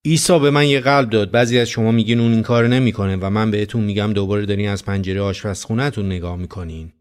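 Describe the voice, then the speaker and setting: A man's voice: fairly low pitch, fairly even intonation, clear, resonant tone. A man preaching a sermon, telling a personal story in an earnest, conversational way.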